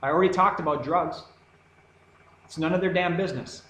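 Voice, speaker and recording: A man's voice: a little high, brisk, a bit bright. Ranting man in an echoey room. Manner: heated, rambling, sarcastic. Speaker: video commentator. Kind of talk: ranting monologue. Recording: echoey room with faint background noise.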